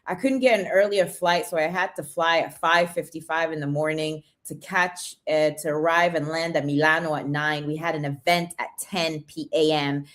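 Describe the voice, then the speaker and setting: A woman who sells supplements hosts a motivational livestream, chatting casually and greeting viewers by name. English isn't her first language, and she often ends points with "right?" Her deep, fairly bright voice stays steady at a normal speed with few pauses.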